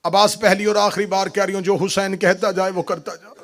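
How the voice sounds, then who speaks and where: A man reciting a mourning elegy sermon as a majlis orator, with impassioned, wailing delivery that swells into chanted shouts. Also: high voice, little pitch movement, a little fast.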